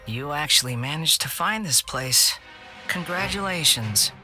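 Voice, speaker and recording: A man's voice: fairly high pitch, animated, measured pace, over music. A man playing a smug, sneering young villain in a video game cutscene, mocking and theatrical in a condescending way. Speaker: villain, sixth of the Harbingers.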